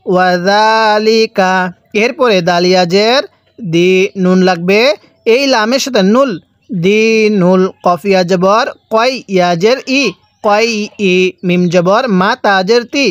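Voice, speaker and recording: A man's voice: high voice, no room sound, clean studio sound. A man teaching Quran reading step by step, spelling out letters and vowel marks, then drawing out the joined words. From Bangladesh. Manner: repeats the question "how will we read it?" as a refrain. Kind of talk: step-by-step recitation lesson.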